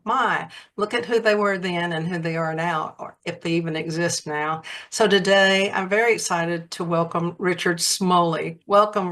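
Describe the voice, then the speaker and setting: A woman's voice: fairly low pitch, a bit bright. Chatty Southern woman interviewer. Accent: Southern American. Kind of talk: casual interview.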